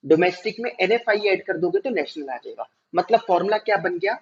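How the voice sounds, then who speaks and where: A male teacher giving a classroom lecture, explaining step by step, slowing down to spell out terms and checking whether students follow. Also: high voice, expressive. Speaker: commerce teacher. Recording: dull lo-fi recording.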